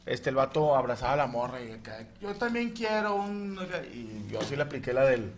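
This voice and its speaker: A man's voice: medium pitch, very animated, moderate pace, a little hiss or hum. A man joking in a casual podcast chat, acting out quoted lines and laughing. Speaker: podcast co-host.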